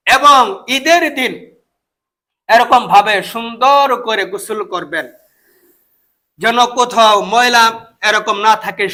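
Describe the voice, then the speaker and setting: A man's voice: very high-pitched, pushed and bright. A Bangladeshi man with a Bengali accent preaching a sermon, emphatic and repeating key phrases. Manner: emphatic, repeats phrases, chants takbir slowly.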